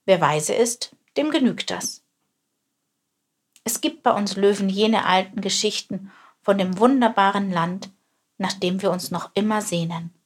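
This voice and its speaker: A woman's voice: medium pitch, slightly rough. A woman voicing a wise old male lion who grumbles and speaks solemnly.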